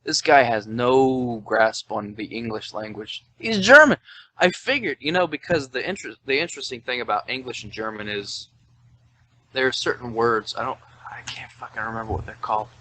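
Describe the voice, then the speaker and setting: A man's voice: medium pitch, normal speed, pushed and bright. A man in his twenties, drunk, hosting a podcast in loose, rambling, swearing chat, with faint music behind. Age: 20s. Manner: loose, rambling, swearing, reading aloud with mock quoting. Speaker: podcast host. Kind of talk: tipsy casual podcast chat. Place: indoors at home, Tennessee.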